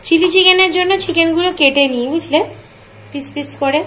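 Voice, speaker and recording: A woman's voice: very high-pitched, moderate pace. A woman from West Bengal, India, chatting casually at home and plainly explaining how she cooks. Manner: matter-of-fact, explains her cooking. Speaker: family member in a vlog.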